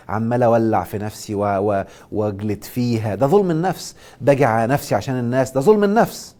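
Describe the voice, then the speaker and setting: A man with an Egyptian accent hosting a live stream, giving a motivational and religious talk and answering viewers' questions. He stresses points loudly, then drops to soft asides. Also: mid-range voice. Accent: Egyptian Arabic. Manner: emphatic, swings between loud stress and soft asides. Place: live social media stream.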